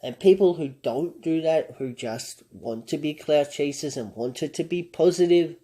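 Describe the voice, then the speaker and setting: A man's voice: fairly high pitch, moderate pace, mellow. Man giving casual reaction commentary. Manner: analytical, conversational, chuckles often. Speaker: commentary channel host.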